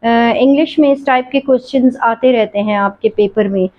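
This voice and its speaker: A woman teaching an English grammar lesson, reading quiz sentences slowly and explaining them quickly in between. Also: fairly high pitch. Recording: dull lo-fi sound.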